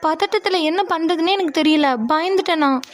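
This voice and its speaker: A woman's voice: very high voice, brisk, no room sound. A woman voicing a cheeky young cartoon woman who teases playfully. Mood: teasing.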